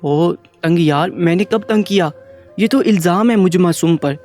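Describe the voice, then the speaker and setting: A playful young husband with a teasing, murmuring tone, voiced by a man reading the story. The voice sits a little high for a man. Soft music runs faintly underneath. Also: natural voice.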